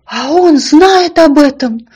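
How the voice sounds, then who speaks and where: A woman's voice: a little high, sing-song, unhurried, slightly rough, pitched above the performer's own voice, full character voice. A woman voicing a naive, anxious little male donkey in a storybook reading, earnest and easily alarmed.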